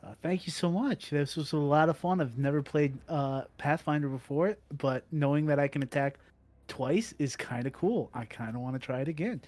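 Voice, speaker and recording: A man's voice: a little high, moderate pace. A man who just played a tabletop game, chatting casually and enthusiastically about it. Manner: enthusiastic, trails off softly at ends. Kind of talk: casual chat.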